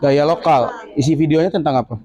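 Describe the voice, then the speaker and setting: A male school teacher in a classroom, quizzing his students with quick questions and then explaining the answers. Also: on the high side, dull audio, a crowd in the background.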